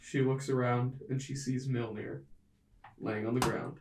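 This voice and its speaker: A man narrating a tabletop game as game master, in a measured, descriptive storytelling manner. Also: mid-range voice, level tone, far from the mic, noisy background. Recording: roomy, mic set back.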